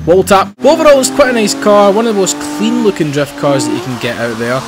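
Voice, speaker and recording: A Scottish man with a slightly high voice talks casually as he plays, breaking into loud excited outbursts and cursing freely. Loud racing engines and squealing tires sit right under his voice throughout. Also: fast talker. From Scotland. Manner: excitable, swears freely, loud outbursts and laughs while driving. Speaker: gaming channel host. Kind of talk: casual gameplay commentary. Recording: loud game engine and tire noise behind voice. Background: racing game car engines and tire squeal.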